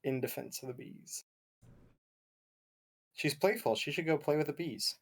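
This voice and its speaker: A man's voice: on the high side, measured pace. A man streaming a game, chatting casually and adding dry, amused remarks. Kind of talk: casual gaming stream chat.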